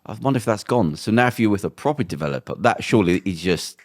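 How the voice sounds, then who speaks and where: A man's voice: on the low side, expressive, quick pace. A British man hosting a casual podcast chat, thinking aloud in a rambling way. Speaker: podcast host.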